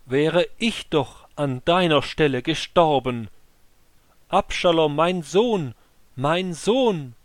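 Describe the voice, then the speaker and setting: A man's voice: on the high side, expressive, dry recording, pitched above the performer's own voice. A man voicing a grieving old king who wails and weeps, his voice raised and drawn out. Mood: anguished. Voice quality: wailing, raised and slowed.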